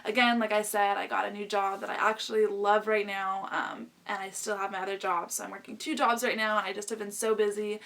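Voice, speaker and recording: A young woman in her twenties telling funny stories to camera in a casual vlog, chatty and animated, laughing often and saying "like" a lot. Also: mid-range voice, fairly quick, vocal fry, few pauses. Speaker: beauty vlogger.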